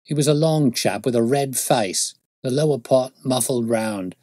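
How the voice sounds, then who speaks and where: A defensive, working-class London constable from a detective storybook, acted out by a male reader. He talks colloquially with rough grammar and a touchy, puzzled temper. The sound is dry. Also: medium pitch, unhurried, dark tone, no room sound, voice pushed up, lightly acted. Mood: irritated, aggrieved. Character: uneducated, defensive London police constable, mystified and aggrieved.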